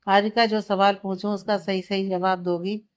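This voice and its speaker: A serious young lawyer, read by a woman narrator, keeping his irritation in check as he talks firmly. The voice is clear and smooth, close to the reader's own. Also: medium pitch, little pitch movement, normal speed, close to an everyday voice. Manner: firm, restrained irritation. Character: serious, short-tempered young male lawyer.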